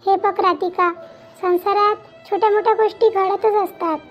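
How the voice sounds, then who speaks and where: A woman's voice: very high voice, steady tone, moderate pace. Woman voicing a soothing old cartoon mother. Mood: comforting. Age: older. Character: aging widowed mother, gentle and comforting. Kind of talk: Marathi cartoon voice acting. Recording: dull lo-fi with faint background music.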